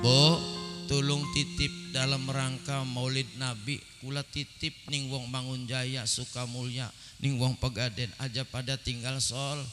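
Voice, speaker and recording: A man's voice: medium pitch, level tone, a little slow. A man preaching, calling out questions to the crowd at a live gathering in a village prayer hall. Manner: sing-song chanting, loud rhetorical questions to the crowd. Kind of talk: sermon with call-and-response. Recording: live hall reverb with music.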